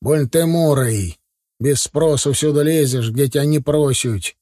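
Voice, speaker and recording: A man's voice: fairly high pitch, a little slow, dark tone. A man voicing an angry, harsh village tractor driver who is a worried father, in an audiobook. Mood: scolding. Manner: scolding, harsh.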